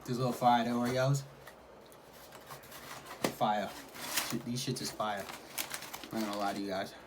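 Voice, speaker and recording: A man's voice: mid-range voice, steady tone, a little slow. A man talking casually in a food vlog, hyping things up in repetitive slang. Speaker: mukbang vlogger. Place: at home. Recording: clearly noisy home recording.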